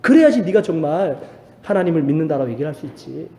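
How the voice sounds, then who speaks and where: A needling, taunting devil, as a preacher puts him on. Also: male voice, on the high side, big pitch swings, warm tone. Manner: rapid-fire needling questions. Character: taunting devil, male, sly and accusing. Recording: echoey church hall reverb.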